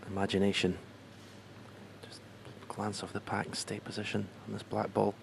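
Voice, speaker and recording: A man giving hushed snooker commentary over a quiet audience. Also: on the low side, completely flat delivery, moderate pace, vocal fry, noisy background. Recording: faint arena crowd behind.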